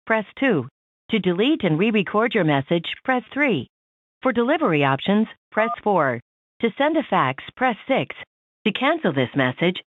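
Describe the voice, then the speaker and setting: Woman's recorded voicemail prompt over phone. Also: mid-range voice. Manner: clear, measured menu-prompt delivery. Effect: automated voicemail prompt over the phone. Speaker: automated phone system voice. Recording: tinny phone line.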